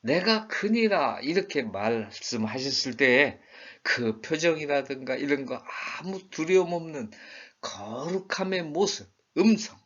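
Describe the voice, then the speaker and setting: A man with a mid-range, fairly bright voice teaches a conversational Bible study, asking rhetorical questions. He acts out quoted lines in regional dialects, and the recording is dull and lo-fi.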